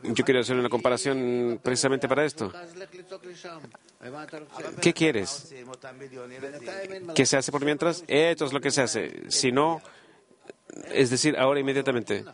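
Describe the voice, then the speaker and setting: A man giving a Spanish voice-over of a conversation, earnest and halting, with many pauses and fillers. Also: medium pitch, a crowd in the background.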